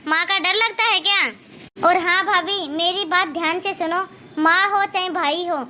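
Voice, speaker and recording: A woman's voice: extremely high pitch, measured pace, bright, forceful tone, slight background noise, exaggerated voice. Woman voicing an outspoken young cartoon daughter. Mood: encouraging. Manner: frank, persuasive, advising. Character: outspoken young daughter, fair-minded and frank. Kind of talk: cartoon moral-story dialogue.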